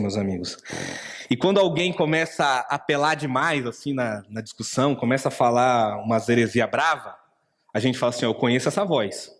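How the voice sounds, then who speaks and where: A man's voice: a little high, big-room sound. A man with a Brazilian Portuguese accent preaching a sermon as a pastor, acting out inner voices and asking rhetorical questions.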